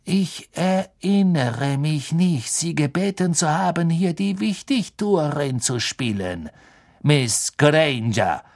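A man voicing a cold, sneering male teacher who drags his words out slowly. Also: high voice, big pitch swings, creaky, pitched above the performer's own voice, full character voice. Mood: icy mockery. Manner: slow, drawn-out, icy and mocking.

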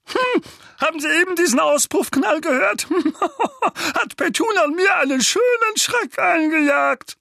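A man voicing a fat, furious middle-aged uncle in an audiobook, shouting hoarsely and trembling with rage. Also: very high-pitched, lively intonation, a little slow, dry recording, studio quality, pitched above the performer's own voice, heavily acted. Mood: fake cheerful. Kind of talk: audiobook character voice.

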